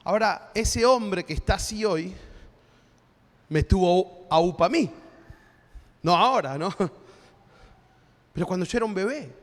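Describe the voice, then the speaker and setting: A male pastor with an Argentine accent preaches in an easy, conversational way and keeps checking in with his listeners. His voice sits high for a man. The sound carries a long reverb from a church hall. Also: animated, a little slow, long pauses. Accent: Argentine Spanish. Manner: conversational preaching with frequent tag questions. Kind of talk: sermon.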